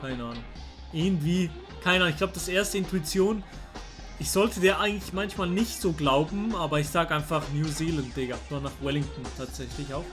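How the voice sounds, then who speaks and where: Excitable young man. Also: a little high, brisk. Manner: excitable, talks to chat, slangy. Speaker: streamer. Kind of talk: casual gameplay commentary. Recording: faint music underneath.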